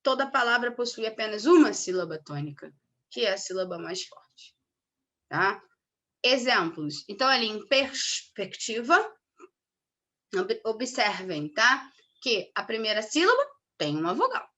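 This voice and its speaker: A woman's voice: medium pitch, sing-song, unhurried, fairly bright tone. A young woman teaching a recorded grammar lesson, stressing key words and often checking in with her students.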